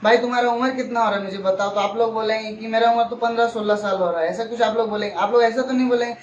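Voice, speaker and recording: A man's voice: sits high, steady tone, racing, slight background noise. A male school science teacher, teaching in a classroom. He asks his own questions, answers them, and acts out little everyday dialogues. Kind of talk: classroom lesson. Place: classroom with a board. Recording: echoey, distant, dull lo-fi.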